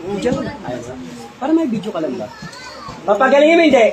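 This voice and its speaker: A man's voice: very high-pitched, very animated, fast talker. A man working as a faith healer, questioning a spirit insistently and repeating each question. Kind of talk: healing and exorcism session. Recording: crowd noise behind. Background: crowd of onlookers.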